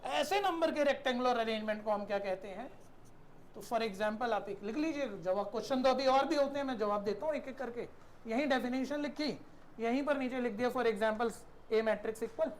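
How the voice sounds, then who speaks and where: A man's voice: very high voice, moderate pace, a little hiss or hum. A man teaching a math class in a conversational lecture style, often checking in with his students and asking them questions.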